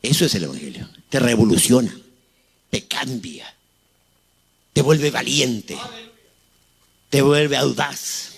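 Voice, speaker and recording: Fervent Chilean pastor, lively pitch. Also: male voice. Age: 60s. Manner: fervent, rhetorical questions to the congregation. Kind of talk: sermon.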